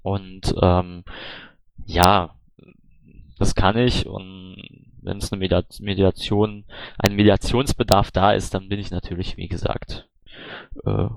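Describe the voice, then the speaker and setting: A man's voice: low voice, little pitch movement, slow, gravelly, long pauses, slight background noise. A man answering questions as a candidate in an online voice chat, hesitant with many fillers and restarts. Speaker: candidate for party board. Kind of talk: online Q&A, casual spoken answers.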